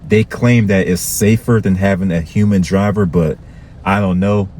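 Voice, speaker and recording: A man's voice: low-pitched, fairly even intonation, moderate pace, darkish tone, a little hiss or hum. A man from Florida, talking casually to his viewers and often checking in with "okay". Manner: conversational, repetitive, addresses viewers with "okay". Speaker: vlogger.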